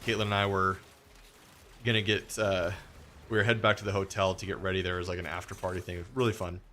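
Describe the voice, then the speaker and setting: A young man hosts a gaming stream and rambles through stories, acting out the voices of the people he quotes. His voice sits fairly low. Faint noise hums behind him. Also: level tone, fast talker, a bit bright. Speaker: streamer host. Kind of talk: casual chat while gaming.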